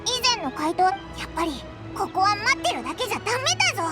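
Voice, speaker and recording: A woman voicing a small childlike companion creature in an anime game, brash and suspicious, with squeaky voice and blunt boyish speech. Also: very animated, racing. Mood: eager, brash. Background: loud music.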